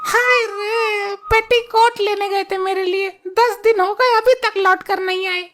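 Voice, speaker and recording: A woman voicing a quarrelsome young wife in a cartoon comedy, shrill and wailing. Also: fairly even intonation, normal speed, very noisy.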